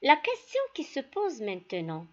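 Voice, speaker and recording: A woman teacher giving a classroom lesson, speaking deliberately and addressing her pupils directly. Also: high-pitched, wildly swooping pitch, lo-fi sound. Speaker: primary school teacher.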